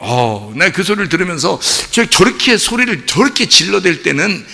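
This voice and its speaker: A middle-aged man preaching a sermon as pastor, telling a story in an animated way and imitating animal cries. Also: high-pitched, moderate pace, creaky. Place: church sanctuary. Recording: long reverb of a church hall.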